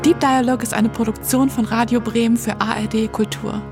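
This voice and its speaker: A woman host reads scripted lines in a calm, measured voice that is higher-pitched and has a gravelly, creaky edge. A clear music bed plays under her voice. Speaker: podcast host. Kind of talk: scripted narration.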